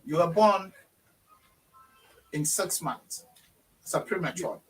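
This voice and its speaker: A man's voice: fairly high pitch, slow, recorded from a distance, rough recording. A man hosting a conversational interview, speaking emphatically and repeating his phrases. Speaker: talk show host.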